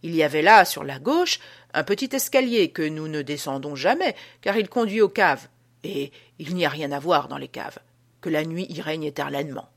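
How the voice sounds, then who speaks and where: A woman's voice: sits low, lively intonation, normal speed. Woman reading as an old prison guard. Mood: spooked. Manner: dramatic, hushed storytelling. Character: old male prison guard telling an uncanny tale. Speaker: audiobook reader. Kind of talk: audiobook reading.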